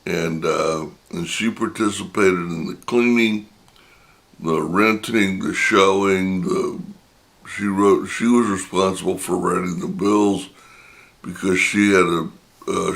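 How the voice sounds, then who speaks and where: Telling a personal story to his viewers, an older man speaks slowly and reflectively, pausing often. As the channel's host, his deep, gravelly voice has turned slightly raspy from long talking, holding a steady, fairly bright tone.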